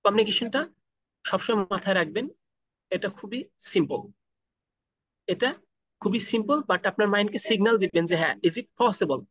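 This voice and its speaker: A man's voice: high voice, animated, a bit bright, husky, dry recording. Man teaching an online class. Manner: asks the class questions and answers them himself; mixes in slow, deliberate English phrases. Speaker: freelancing trainer. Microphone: video call.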